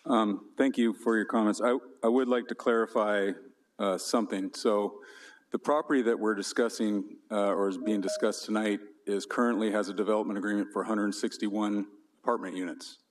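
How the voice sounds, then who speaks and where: A man's voice: on the low side, steady tone, moderate pace, slight background noise. A man who is mayor chairs a city council meeting in a brief, procedural way, with some hesitations. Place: council chamber.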